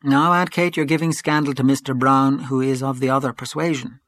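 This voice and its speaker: A man voicing a polite, peacemaking young woman, a niece who gently coaxes, in a storybook reading. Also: mid-range voice, fairly even intonation, brisk, dry recording, lightly acted. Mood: pacifying. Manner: placating, polite.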